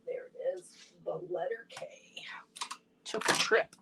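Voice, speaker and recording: Her voice is fairly low, bright and forceful, with vocal fry and a breathy edge, and she takes it slowly. Losing her voice, this independent stamping demonstrator sits at her craft table chatting with viewers and guiding them step by step as she works with her hands.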